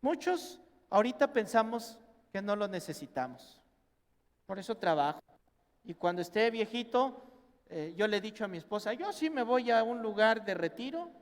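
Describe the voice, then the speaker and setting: Mexican pastor guy preaching, high voice, animated, does the family voices, big echoey church hall. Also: moderate pace. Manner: animated, acts out family members in quoted voices. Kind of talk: sermon. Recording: long reverb in a church hall.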